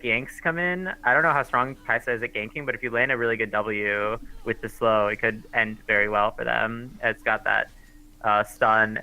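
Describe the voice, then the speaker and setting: A man's voice: medium pitch, pushed and bright, poor audio. A man giving casual, hesitant color commentary on a live esports match, with lots of fillers.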